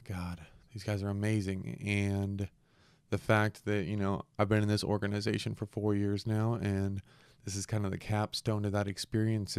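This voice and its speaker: A man's voice: fairly low pitch, darkish tone, clear, resonant tone, dry recording. A young man hosting a podcast in a casual, reflective solo monologue, earnest and a bit congested and sniffly from a cold. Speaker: podcast host.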